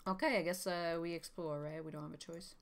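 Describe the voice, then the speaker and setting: A woman's voice: fairly low pitch, fairly even intonation, a little fast. A woman chatting casually while she and a partner learn a board game on stream, thinking aloud with fillers and laughs.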